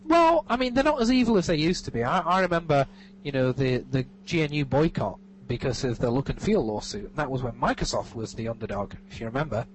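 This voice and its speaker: An Englishman now living in California chats as a guest in a casual interview, recorded remotely. He rambles, mocks himself and keeps restarting, talking fast with few pauses in an expressive, medium-pitched voice. The audio is poor, with a little hiss or hum.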